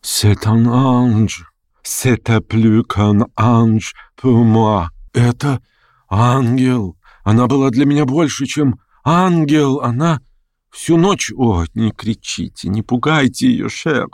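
Guy doing a shaky old gent, begging softly, slow and halting, dry close sound. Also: medium pitch, dry recording, voice pushed up. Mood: pleading. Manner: pleading, faltering, slow. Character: frightened tearful elderly gentleman, sentimental.

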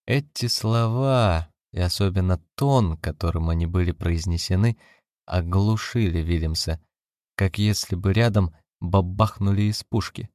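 A man narrating a novel as an audiobook in a measured, steady way. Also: low-pitched, dry recording, studio quality.

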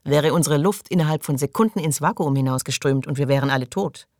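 Audiobook figure: reasoning male technician, brisk, read by a man. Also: on the high side, a little mellow, no echo, clean studio sound, close to an everyday voice. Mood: puzzled, insistent. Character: rational, puzzled male ship technician.

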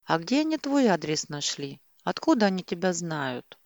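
A woman's voice: lowish voice, big pitch swings, normal speed, darkish tone, no echo, clean studio sound. A woman voicing a sleepy, irritated young man who answers dismissively and with exasperation, in an audiobook. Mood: exasperated.

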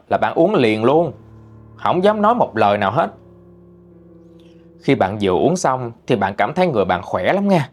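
A man narrating a ghost story in a conversational, expressive way. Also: mid-range voice.

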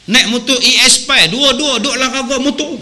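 A man preaching a humorous sermon, animated and acting out voices as he goes. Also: very high voice, normal speed, slight background noise. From Malaysia. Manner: animated, sings song snippets and acts out voices.

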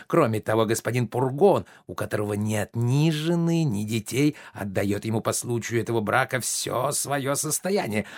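A man's voice: medium pitch, darkish tone, no echo, clean studio sound. A man reading Argan, a blustering grumpy invalid father. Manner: irritable, bossy, quick to bluster. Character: grumpy older male invalid, a domineering father. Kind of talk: play reading.

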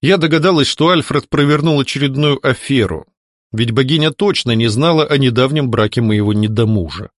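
A man's voice: mid-range voice, brisk, no room sound, studio quality. A man narrating a story in the first person, reading with expression. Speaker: audiobook reader. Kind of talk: scripted narration.

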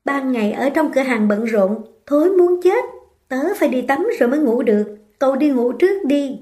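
A woman's voice: high voice, animated, normal speed, mellow. Woman doing a blunt gossipy girlfriend. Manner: gossipy, frank. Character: blunt, chatty young woman friend.

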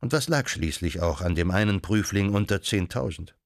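A man narrating a literary novel as an audiobook in a measured, expressive storytelling manner. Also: low-pitched, dry recording, clean studio sound.

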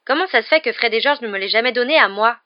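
A woman voicing an excitable, easily indignant teenage boy wizard, in a dull lo-fi recording. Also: medium pitch, fast, no room sound, natural voice. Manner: eager and indignant.

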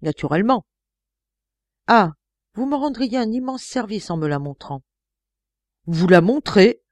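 A woman reading an audiobook, voicing an offended middle-aged widow who runs an inn, with sharp outbursts. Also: a little high, very animated, normal speed, dry recording, pitched above the performer's own voice. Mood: indignant. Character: indignant respectable widow innkeeper, middle-aged.

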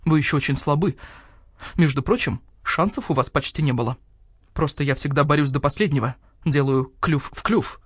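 A woman's voice: low voice, normal speed, slightly rough, no echo, clean studio sound, voice pushed down. A woman voicing a fussy, self-important male rook doctor in a storybook, who lectures and takes offence.

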